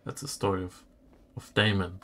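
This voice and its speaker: Low, creaky man commenting on a game. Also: a bit bright. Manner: halting, thinking aloud. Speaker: video game player giving commentary. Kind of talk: casual gameplay commentary.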